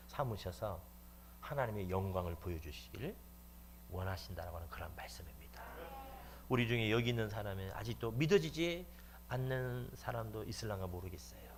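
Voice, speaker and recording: Male pastor, church sermon, lively swinging pitch, emphatic storytelling, faint hum behind. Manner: animated storytelling, emphatic exhortation. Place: church sanctuary.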